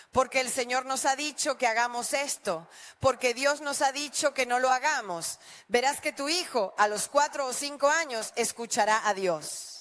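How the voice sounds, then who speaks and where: A woman's voice: high voice, a bit bright. A middle-aged woman pastor preaching a sermon, often putting questions to the congregation.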